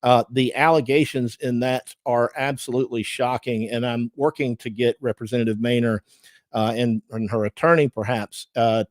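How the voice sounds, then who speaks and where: A man's voice: mid-range voice, a little mellow, dry recording, studio quality. A middle-aged man with a Southern Georgia accent hosts a casual livestream, chatting with viewers, thanking them and using many fillers. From Georgia, USA. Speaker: livestream host and lawyer.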